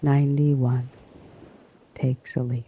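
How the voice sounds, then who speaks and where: A man narrating a guided sleep hypnosis in a hushed, soothing manner, in drawn-out phrases with long pauses. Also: medium pitch, flat delivery, muffled recording, a little hiss or hum.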